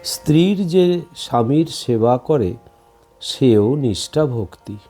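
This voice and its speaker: A man reading a devotional scripture aloud in a slow, measured recitation. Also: medium pitch, animated, mellow, faint music behind. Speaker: scripture reader.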